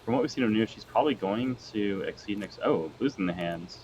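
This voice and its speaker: Fast-talking man on a dull lo-fi line. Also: lowish voice, expressive, darkish tone, slight background noise. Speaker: co-caster. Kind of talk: casual game commentary. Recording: dull lo-fi sound from a weak connection.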